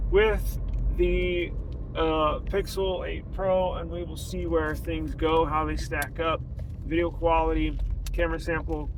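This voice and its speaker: An American man talking casually and haltingly as a tech reviewer, thinking aloud into a phone in a car. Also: a little high. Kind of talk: casual rambling vlog talk. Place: inside a car. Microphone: phone selfie camera mic. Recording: noisy car interior phone recording. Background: car and road noise.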